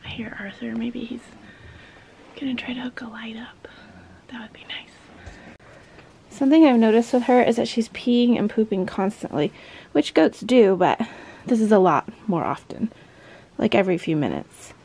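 A soft-spoken woman in her thirties, frequently whispering, vlogs casually from a wooden barn at night and a farmhouse kitchen. She speaks on the high side, creaky, at a moderate pace with long pauses, and slight background noise is audible.

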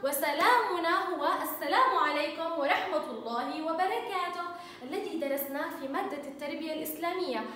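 A woman teaching a first-grade Arabic lesson to young children, encouraging them with sing-song praise and drawn-out letter sounds. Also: extremely high pitch, bright, forceful tone. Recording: echoey, distant mic, faint noise.

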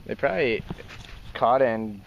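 A young adult man vlogs a canoe trip, chatting casually and informally to viewers as he films outdoors from the boat. His mid-range voice is gravelly and expressive, moving at a moderate pace. The handheld camera mic gives a lo-fi, noisy outdoor sound.

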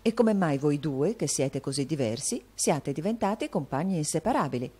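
A woman's voice: deep voice, animated, moderate pace, dark tone, slightly rough. A woman reading an audiobook, voicing a gossipy, meddling male actor with an insinuating, confiding tone. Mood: sly gossip.

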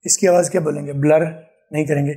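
A man's voice: a little high, fairly even intonation, fast, vocal fry, dark tone, husky. A male spoken English teacher giving an online pronunciation lesson, repeating each word several times and speaking directly and patiently to viewers. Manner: drills words by repeating them several times.

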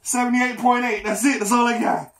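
A man's voice: extremely high pitch, steady tone, fairly quick, a bit bright, reverberant, slight background noise. A man in his thirties doing push-ups, counting out reps in a strained, breathless voice. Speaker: vlogger, father. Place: small bedroom at home. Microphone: camera on the floor a short distance away.

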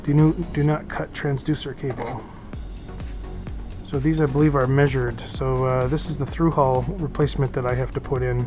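Wearing a head-mounted camera in a small office, a man unboxes equipment in a loose, meandering way, filling gaps with plenty of fillers as he thinks aloud. This boating vlogger has a medium-pitched, steady voice at normal speed, and background music runs throughout.

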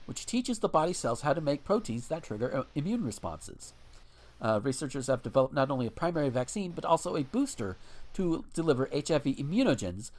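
Male podcast co-host, casual and profane, very animated pitch, reads articles aloud. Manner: blunt and profane, ranting with restarts.

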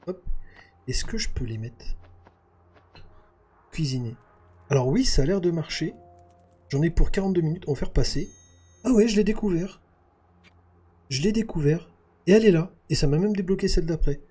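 Guy rambling over his game at his desk, kinda husky, lots of euhs. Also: fairly high pitch, dark tone. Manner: chatty, thinks aloud with many fillers. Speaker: gaming YouTuber. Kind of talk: casual gameplay commentary.

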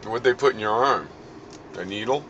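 A man's voice: on the low side, normal speed, highs cut off. A middle-aged man chatting casually in a car, coaxing with simple questions and repeated instructions. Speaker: caregiver driving a patient home. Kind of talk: casual chat. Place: inside a car. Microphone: handheld phone. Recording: phone video with clear vehicle noise.

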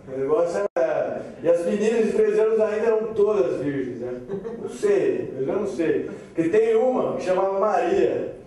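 A man's voice: fairly high pitch, warm tone. A man with a rural São Paulo accent telling a comic folk tale in a chatty, rambling way. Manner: chatty, rambling, frequent asides. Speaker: storyteller. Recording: echoey room, distant mic.

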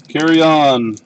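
Hosting a live-stream box break from a home card room desk, a Canadian man calls out the cards in a mumbling, easygoing manner, taking his time as he opens packs. His voice is a little high, and the sound is lo-fi.

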